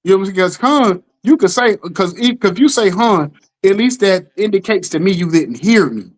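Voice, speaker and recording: A man co-hosting a casual talk show, telling stories with lively acted-out quotes and a steady "you know what I'm saying.". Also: moderate pace. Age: adult parent. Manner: animated storytelling, acts out quotes with jumps in pitch. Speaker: podcast co-host. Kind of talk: casual chat.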